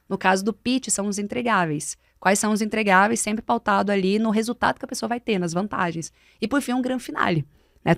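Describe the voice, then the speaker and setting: A woman's voice: mid-range voice, creaky, no echo, clean studio sound. A Brazilian woman mentor explaining speaking techniques on a podcast, emphatic and didactic. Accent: Brazilian Portuguese. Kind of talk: podcast conversation. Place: podcast studio.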